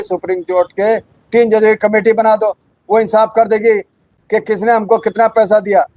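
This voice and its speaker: Man, high voice, indignant, accusing, dry close sound. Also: a little mellow, no room sound, rough recording. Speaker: ex-serviceman activist. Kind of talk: angry protest video statement.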